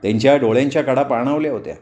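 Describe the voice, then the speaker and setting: Guy reading a novel out loud, steady and expressive, normal pitch. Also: racing. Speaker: audiobook storyteller. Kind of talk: novel narration.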